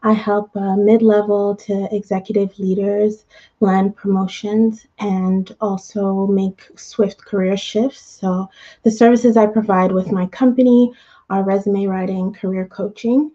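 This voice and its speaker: Woman in her thirties, from Canada, interview guest, mellow warm tone, slightly muffled online-call sound. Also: medium pitch, fairly even intonation, a little slow. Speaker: guest, career coach. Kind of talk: conversational interview answers.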